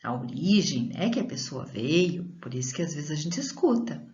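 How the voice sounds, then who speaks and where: A woman teaching a primary school lesson, reading words slowly and drawn out and asking pupils questions. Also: deep voice, sing-song, a little mellow, lo-fi sound. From Brazil.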